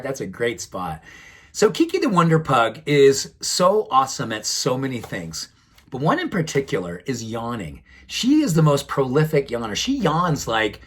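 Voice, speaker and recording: Animated, husky-voiced middle-aged man. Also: medium pitch. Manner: animated and enthusiastic, chatting to his pet pug between points. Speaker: wellness doctor hosting his own channel. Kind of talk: casual talk to camera.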